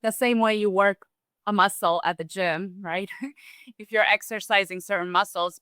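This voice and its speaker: Woman guest from romania, bright smooth voice, chatting easy and thoughtful. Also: lowish voice, no echo. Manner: relaxed, thoughtful, with restarts and small laughs. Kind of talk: casual conversational interview.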